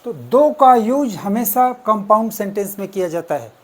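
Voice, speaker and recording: An exam coaching teacher explaining test answers, deliberately repeating and spelling out words step by step. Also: medium pitch, very animated. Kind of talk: explaining exam answers, mixing English terms.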